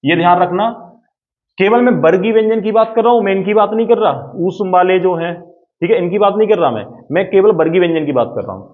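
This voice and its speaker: A man's voice: sits high, fast. A man teaching an exam-prep grammar lesson at a board, explaining step by step and often checking that students follow. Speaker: Hindi teacher. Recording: tinny phone-like audio.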